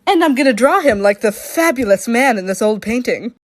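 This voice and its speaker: A woman's voice: fairly high pitch, animated, fairly quick. A woman artist chatting through her drawings in a casual vlog, bubbly, giggly and playfully dramatic. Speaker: artist and video creator.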